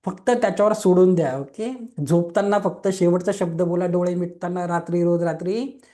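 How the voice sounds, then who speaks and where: A man's voice: high voice, moderate pace, warm tone. A young man teaching a Reiki webinar, explaining simply and often checking in with listeners by asking if they agree. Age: young adult. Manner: explains simply with questions and everyday examples. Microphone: online webinar mic.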